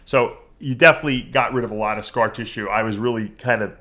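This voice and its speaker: A man's voice: on the low side, fairly even intonation, fast, pushed and bright. A middle-aged man interviewing casually, chatty, often repeating and rephrasing himself.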